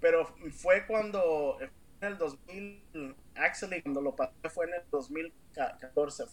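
Guy telling his story on a podcast, earnest, kinda high voice, slow and restarting a lot. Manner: earnest, emphatic, stumbling restarts. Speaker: interview guest, real estate agent. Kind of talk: personal storytelling in a podcast interview.

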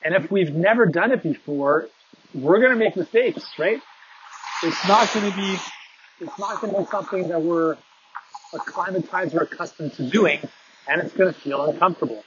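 A man's voice: sits high, normal speed. A man hosting a podcast, talking casually and rambling with lots of fillers while out on a walk. His voice sounds tinny, like it's in a tin can, recorded through earbuds on a phone. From Canada. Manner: rambling, filler-heavy, conversational. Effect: tinny, tin-can sound from earbud mic. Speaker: podcast host. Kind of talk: casual monologue while walking. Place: outdoors on a walk, windy. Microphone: phone with wireless earbuds. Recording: tinny muffled earbud mic, faint wind.

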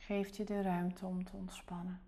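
Soft-whispering woman guiding a meditation. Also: lowish voice, moderate pace. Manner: soft whispering, calm and soothing. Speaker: meditation guide. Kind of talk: guided relaxation meditation.

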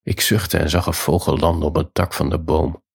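Storyteller: man, very low voice with a husky edge, calm measured bedtime narration.

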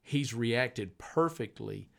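A man's voice: medium pitch, lively intonation, gravelly. Older man, earnest conversational preacher. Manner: earnest, storytelling, slows down for emphasis.

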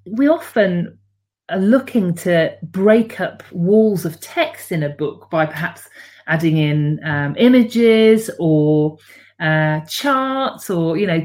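A woman book coach answering interview questions in a casual, hesitant way, with many pauses and restarts. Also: lowish voice, a little mellow.

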